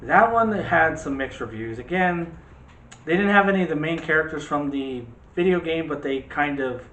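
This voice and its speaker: This man co-hosts a laid-back, joking conversation about movies, his voice fairly high and fairly bright with lively intonation at a normal pace. Background noise is light, and the room gives a noticeable echo.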